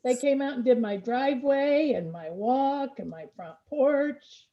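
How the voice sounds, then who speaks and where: An older woman, a computer trainer, chatting and telling lively stories on a video call. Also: high-pitched, a little slow. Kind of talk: casual chat on a video call. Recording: muffled lo-fi video call audio.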